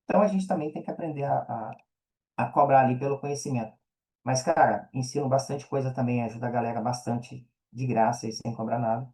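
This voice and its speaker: Speaking fairly quickly in a medium-pitched, darkish voice, this interview guest gives casual conversational answers. He's an affiliate marketer and mentor with a Brazilian Portuguese accent who leans on slang and keeps dropping check-in tags.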